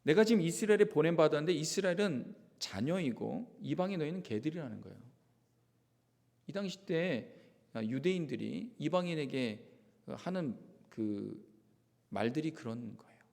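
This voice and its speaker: Gravelly, animated preacher in a reverberant church. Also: male voice, on the high side, moderate pace. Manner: emphatic, dramatic preaching that acts out the people he quotes. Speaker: pastor. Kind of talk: Sunday sermon. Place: church sanctuary. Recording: long church-hall reverb.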